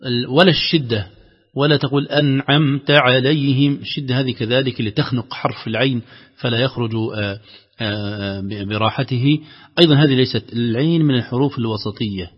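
A man teaching Quran recitation, correcting callers and chanting the passages slowly to show them. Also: medium pitch, husky. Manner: patient, demonstrates by chanting slowly. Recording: dull lo-fi broadcast with long reverb.

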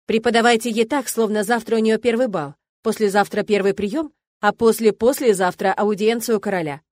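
A man's voice: sits high, fairly even intonation, a little fast, no echo, clean studio sound, lightly acted. Cocky young mage, voiced by a woman. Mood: smug confident. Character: cocky young male noble mage, smug.

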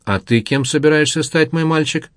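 A genteel old diplomat in an audiobook, as a male narrator voices him. The voice sits higher than the narrator's own and sounds kindly and polite, treating every listener as an equal. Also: moderate pace, no echo, clean studio sound, close to an everyday voice.

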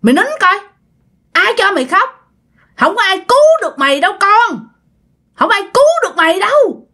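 A woman's voice: extremely high pitch, very animated, normal speed, pushed and bright, voice pushed up, exaggerated voice. A woman voicing the spiteful ghost of a dead old woman who has possessed a young girl, taunting and scolding. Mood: harsh.

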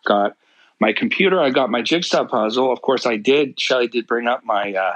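A man talking as a guest in casual chat, candid and animated, swearing freely. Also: mid-range voice, normal speed, lo-fi sound.

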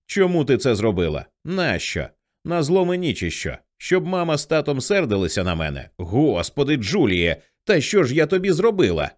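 A man voicing a frantic older teenage girl who shouts at and then pleads with her younger sister. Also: fairly low pitch, very animated, normal speed. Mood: furious.

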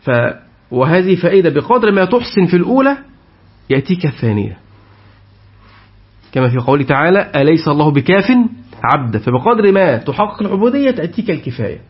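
A man's voice: a little high, very animated, quick pace, long pauses. A man giving a Quran tafsir lesson, putting questions to his class and repeating their answers. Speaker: Quran teacher. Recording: dull lo-fi recording.

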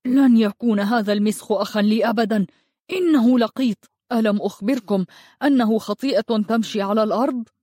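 A woman voicing a husky-voiced bullying village man who speaks with anger and contempt. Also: medium pitch, a little fast, darkish tone, no room sound, studio quality, close to an everyday voice. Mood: snarling. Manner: contemptuous, angry.

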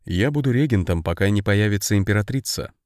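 A reserved, terse older uncle, played by a male narrator in a storybook reading, speaking curtly and dryly in a low-key voice. The recording is close and dry. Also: lively intonation, normal speed, a little mellow, dry recording, lightly acted. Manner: curt, dry.

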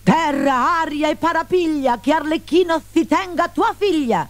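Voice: high-pitched, normal speed, no room sound, voice pushed up, close to an everyday voice. A storyteller voicing a frantic young male servant who shrieks as he flees. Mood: shrieking.

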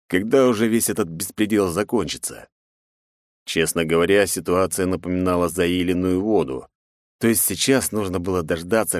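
A man's voice: dry recording, studio quality. A man narrating a first-person action novel and acting out the dialogue. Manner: voices characters with raised pitch and force. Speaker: audiobook narrator.

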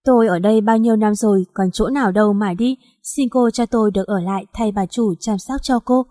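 A woman's voice: mid-range voice, brisk, warm tone, no echo, clean studio sound, in a large hall, lightly acted. A woman voicing a loyal elderly housekeeper, devoted and pleading.

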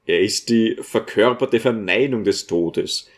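A man doing a slow, deep-voiced old archpriest. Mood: calm, wistful. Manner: slow, lowered, measured. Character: old archpriest, calm, weary, gently wise.

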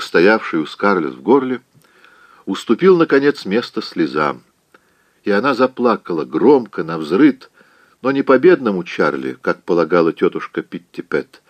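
A man's voice: low-pitched, no echo. A man narrating an audiobook, telling the story expressively in scripted narration.

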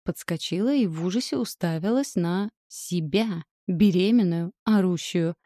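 A woman narrating a first-person audiobook in a wry, steady manner. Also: fairly low pitch, normal speed, no echo, clean studio sound.

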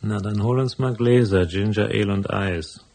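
In a noir radio play, a hard-boiled detective serves as the first-person narrator and lead character. His low voice is gravelly and husky with fry, a little mellow, at normal speed. He is dry and laconic, speaking sparingly in a cool, constantly probing manner.

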